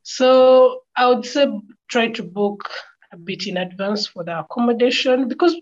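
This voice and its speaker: A Ugandan woman, a travel vlogger and podcast guest, answering questions calmly and giving practical advice. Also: on the high side, normal speed, muffled recording. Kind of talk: casual interview answers.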